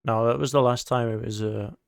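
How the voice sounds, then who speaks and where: A man's voice: medium pitch, steady tone, a little fast, creaky, no room sound, clean studio sound. A man hosting a casual gaming podcast, rambling with lots of fillers and the odd swear word. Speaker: podcast host.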